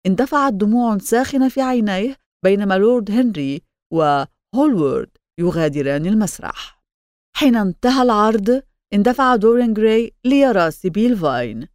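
A woman reading a novel aloud as an audiobook narrator, in a steady, measured way. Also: medium pitch, dry recording, clean studio sound. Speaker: audiobook reader. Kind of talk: scripted narration.

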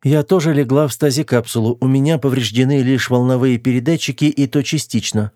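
Man voicing a calm, even female android. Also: mid-range voice, fairly quick, dry recording, studio quality, pitched above the performer's own voice, close to an everyday voice. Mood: matter-of-fact. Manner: level, matter-of-fact reporting. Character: female android crew member, calm and truthful.

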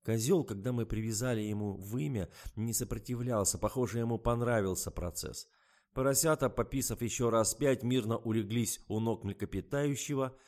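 A man's voice: medium pitch, normal speed, darkish tone. A man reading a comic novel aloud as scripted narration, with a wry, ironic delivery. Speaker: audiobook reader.

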